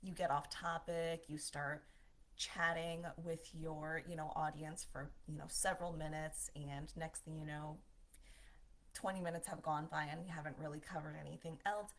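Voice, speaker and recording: A woman's voice: deep voice, level tone, normal speed, a bit bright. A woman giving a marketing lesson as a voiceover, upbeat and conversational, with a smile in her voice. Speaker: marketing instructor.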